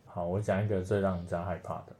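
A man's voice: low-pitched, level tone, quick pace, warm tone. Male co-host, dry understated delivery of short jokes. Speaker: podcast co-host. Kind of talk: casual podcast chat, telling jokes.

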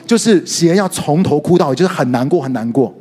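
A middle-aged man with a Taiwanese Mandarin accent preaching a sermon, telling stories animatedly with sudden leaps in pitch. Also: expressive, fast. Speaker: pastor and worship leader. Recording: reverberant hall with soft music behind.

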